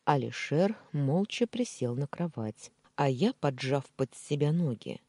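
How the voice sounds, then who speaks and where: A woman narrates a novel in the first person with a measured, expressive reading. Her voice is warm and husky, with lively pitch, and the recording is dry and close. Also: no echo. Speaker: audiobook narrator.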